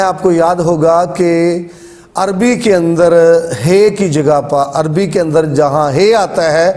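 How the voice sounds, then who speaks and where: A man giving a slow, deliberate Bible lesson, explaining word meanings and pronunciations. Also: fairly high pitch, darkish tone. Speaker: Bible teacher. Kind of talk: religious word-study lecture.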